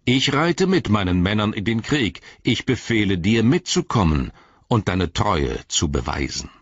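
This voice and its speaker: A man's voice: lowish voice, sing-song, unhurried, husky, no echo, highs cut off, pitched above the performer's own voice, heavily acted. A man voicing a stern, commanding old human king in an audiobook reading.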